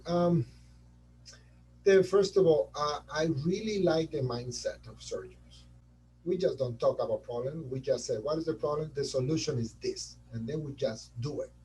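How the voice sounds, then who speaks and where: A man from Colombia with a Colombian Spanish accent speaking English as a second language, talking in an animated way as a surgeon being interviewed on a webinar. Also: on the high side, far from the mic, a little hiss or hum, low-quality recording. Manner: animated, repeats words while searching for them. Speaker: transplant surgeon guest.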